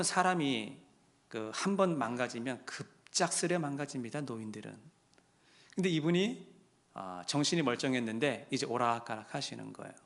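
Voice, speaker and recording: Lively, bright-voiced Korean pastor preaching. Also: male voice, medium pitch. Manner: swings from hushed to loud and impassioned. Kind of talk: sermon storytelling.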